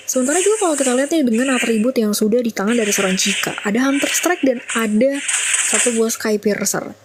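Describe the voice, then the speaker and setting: Casting: female Indonesian-accented fighting game announcer, high voice, dramatic live play-by-play with English gamer terms, loud noise behind. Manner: dramatic exclamations, English gaming phrases mixed in. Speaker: esports shoutcaster.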